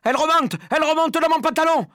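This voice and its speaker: A man voicing a panicked adult cook who shouts in a shrill, frantic voice in an audiobook. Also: quick pace, no room sound, clean studio sound. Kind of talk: audiobook character voice.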